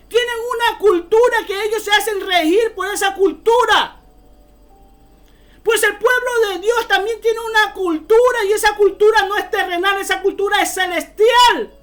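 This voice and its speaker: A woman's voice: extremely high pitch, fairly bright tone. A woman preaching a fervent sermon, often calling her listeners brother.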